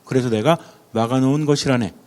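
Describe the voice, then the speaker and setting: A priest voicing a wise old angel. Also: male voice, medium pitch, fast, big-room sound, natural voice. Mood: calm. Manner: calm, explaining patiently. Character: wise old male angel, calm and knowing.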